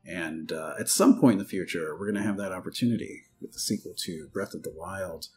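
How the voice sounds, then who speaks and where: A man's voice: sits low, lively intonation, brisk, a little mellow. A man hosting a podcast in a casual, conversational style. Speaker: podcast host.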